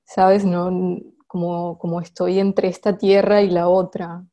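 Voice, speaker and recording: A woman answers reflectively in an interview as a poet, haltingly, often repeating words as she searches for the next one. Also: on the low side, level tone, warm tone, highs cut off. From Colombian Caribbean coast.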